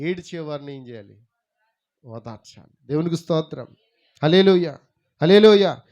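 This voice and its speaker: Male pastor, fairly high-pitched voice, dynamic call-and-response sermon delivery.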